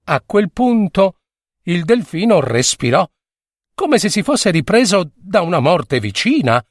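A man narrating a myth in a measured, expressive storytelling style. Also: high voice, dry recording, clean studio sound. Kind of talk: scripted storytelling.

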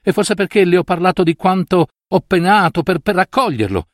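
A man voicing a poor, devout old peasant woman who pleads in a shrill, tearful voice and breaks into quick bursts. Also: lively intonation, no room sound, clean studio sound. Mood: distraught.

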